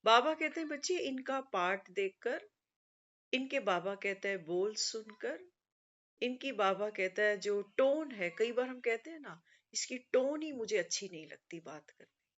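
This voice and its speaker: A woman's voice: medium pitch, fairly bright tone. A woman giving a devotional talk in a storytelling way, often quoting teachings and adding conversational asides. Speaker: spiritual speaker. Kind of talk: devotional discourse. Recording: muffled lo-fi recording.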